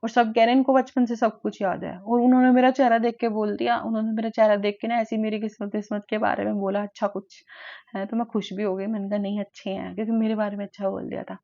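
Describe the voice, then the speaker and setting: A woman vlogger retelling family stories in a chatty, animated way. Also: mid-range voice, fast talker, vocal fry, no room sound, lo-fi sound. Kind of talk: casual storytelling to camera.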